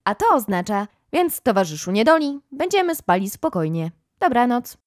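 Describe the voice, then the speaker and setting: A woman's voice: on the high side, very animated, moderate pace, dry recording, clean studio sound, voice pushed up. A woman reading an audiobook, voicing an imaginative, kind young girl with a dreamy, playful tone. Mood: dramatic.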